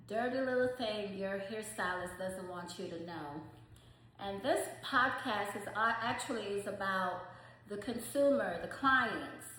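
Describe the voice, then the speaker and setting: In a heavily reverberant room, a woman in her fifties talks informally to her podcast audience. Her voice is fairly high and bright, with an unhurried pace. She is emphatic and plain-spoken, addressing listeners directly. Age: 50s. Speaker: podcast host and hairstylist. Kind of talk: informal solo podcast talk.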